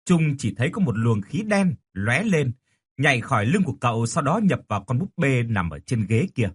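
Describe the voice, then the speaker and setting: A man reading a horror audiobook with an expressive, dramatic delivery. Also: mid-range voice, normal speed, breathy edge. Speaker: narrator.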